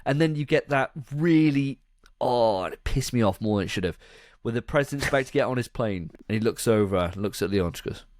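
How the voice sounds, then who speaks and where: A man's voice: medium pitch, lively intonation, a little fast, darkish tone, no echo, studio quality. A man hosting a casual movie review chat, blunt, sarcastic and sweary. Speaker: podcast host.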